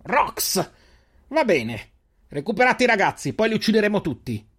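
A man's voice: on the high side, sing-song, normal speed, pitched above the performer's own voice. A man voicing a cruel, sneering male bandit leader in an audiobook, with a slimy, taunting delivery. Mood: commanding.

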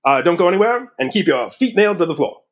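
Halting improv detective played by a man, fumbling his questions with a bouncy, animated delivery. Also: high voice, heavily acted. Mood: deadpan. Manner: halting, stumbling over questions. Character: bumbling male detective with a self-declared accent. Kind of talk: improv comedy scene.

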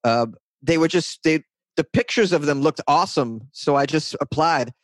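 Speaking at a normal speed in a fairly high voice, this guest is a thirty-something man from north of Boston, USA. In a casual interview chat he rambles and jokes at his own expense, with no echo on the audio.

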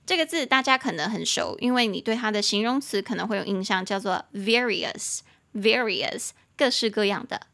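A woman's voice: medium pitch, expressive, quick pace, gravelly, few pauses, sharp tone. A young adult woman hosting a podcast English lesson, explaining vocabulary in Mandarin and spelling English words letter by letter. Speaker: English teacher and podcast host.

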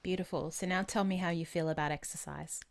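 A woman hosting, calmly guiding a tapping session and speaking phrases for her guest to repeat. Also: lowish voice, fast talker, vocal fry. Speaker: host and tapping practitioner. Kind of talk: guided tapping session and chat.

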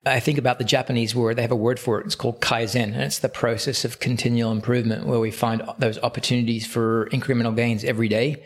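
Brief: male podcast host and golf coach, relaxed storyteller who pauses often, mid-range voice. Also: mid-range voice. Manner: reflective, unhurried, with frequent "uh" pauses. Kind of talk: casual storytelling.

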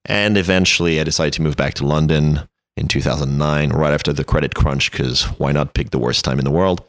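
A French man in his thirties, a native French speaker working as a creative director, is a guest in a casual conversational interview. His extremely low voice moves a little fast as he chats in a wordy, self-deprecating, anecdotal style. The clean studio sound has no echo.

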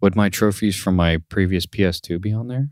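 Deep-voiced young man, rambling casual chat. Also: a little fast, darkish tone, no echo, studio quality. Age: 20s. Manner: rambling storyteller, swears freely. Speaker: podcast co-host.

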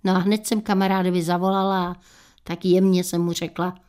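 An older woman in her sixties reads humorous anecdotes on air as a radio host. Her voice sits a little low, and she delivers each story in a dry, unhurried manner. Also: little pitch movement, darkish tone, smooth.

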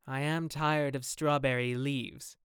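An arch, flirtatious duchess, her voice pitched high and bright. A man plays her, clear and close, with a teasing lilt that never stays serious long. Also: fairly even intonation, slow pace, no room sound. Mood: wistful, coy.

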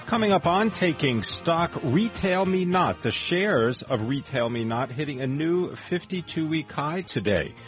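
A man's voice: on the high side, expressive, unhurried, hardly any pauses. A man hosting a radio show, reading a scripted tease of what is coming up. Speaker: radio host. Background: music.

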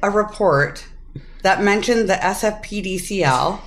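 A woman's voice: medium pitch, normal speed, background noise. A woman hosting a podcast, explaining a case in casual chat and swearing casually. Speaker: podcast host.

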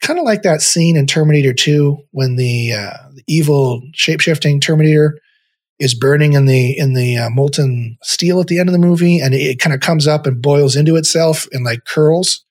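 A man's voice: on the high side, normal speed. A man in his forties, a podcast guest, guiding listeners through a meditation exercise in a rambling, repetitive way as he searches for words.

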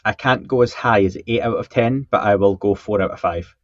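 A man's voice: fairly low pitch, brisk, no room sound. A man co-hosting a podcast in casual chat, joking and self-deprecating while he reads out listener comments. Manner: joking, self-deprecating, repeats words when starting. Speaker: podcast co-host. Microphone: podcast microphone with a faulty setup. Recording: dull, muffled mic sound.

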